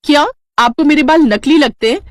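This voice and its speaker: A woman voicing a vain, touchy young daughter-in-law in a storybook tale, with a shrill, excitable way of talking. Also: a little fast, no room sound, studio quality, lightly acted. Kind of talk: storybook character voice.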